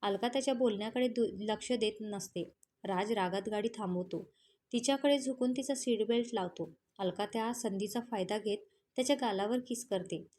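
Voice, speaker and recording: A woman's voice: mid-range voice, moderate pace, a little mellow. A woman reading a romance story aloud as narrator, giving the characters' lines with only light changes of voice.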